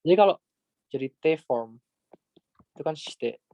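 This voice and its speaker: A man's voice: a little high, animated, moderate pace, mellow, dry recording. A man giving a casual, chatty Japanese grammar lesson, full of fillers and asides to his students. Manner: chatty, informal, many fillers like "gitu". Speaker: Japanese language tutor.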